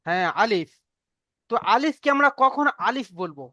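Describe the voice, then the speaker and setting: A man's voice: extremely high pitch, lively intonation, normal speed, pushed and bright, no room sound, clean studio sound. A man teaching an online Arabic reading lesson as a Quran teacher. He speaks patiently, repeats each point and keeps asking if the class has understood. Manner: patient and repetitive, checks understanding with frequent questions.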